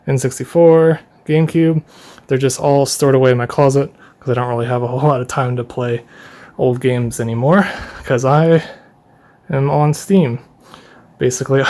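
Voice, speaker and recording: A young man talks through a tour of his own bedroom at a middle pitch. His speech is relaxed and rambling, with plenty of "uh"s and small laughs, like he's filming an unscripted walkthrough. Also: moderate pace. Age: young adult. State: running out of breath. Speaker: YouTuber giving a room tour. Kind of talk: casual room tour vlog.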